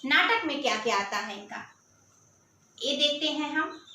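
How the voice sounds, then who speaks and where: A woman teaches a literature class at an unhurried pace, laying out each point in order. Her voice sits high and bright. The room gives it a noticeable echo. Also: animated. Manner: slow, deliberate, enumerating points. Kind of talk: exam-prep literature lecture.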